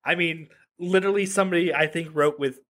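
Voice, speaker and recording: A man's voice: fairly high pitch, fairly quick, a bit bright. A man in his thirties, a podcast guest talking loosely and casually, full of "like" and "right?" asides, over a video call. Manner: loose and chatty, heavy use of "like" and "right?". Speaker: podcast guest, web developer. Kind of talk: casual interview chat.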